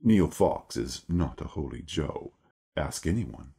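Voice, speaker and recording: An electronically disguised Lucifer speaks in an extremely deep, dark, gravelly rumble. He lectures formally and deliberately, with dry irony and a lofty air. The filter gives the voice a husky, dark, unnatural edge. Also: animated, full character voice. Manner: formal, measured, wry and lecturing. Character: Lucifer, a male devil figure, lofty and lecturing. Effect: electronically altered deep voice. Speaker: video producer. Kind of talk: scripted monologue.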